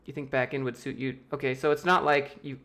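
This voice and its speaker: Streaming from home through a desk mic, an American man answers viewers' chat questions in a casual Q&A. His voice is medium in pitch, level and a bit bright, and he reads questions out before replying in a loose, offhand way, with quick jokes between answers.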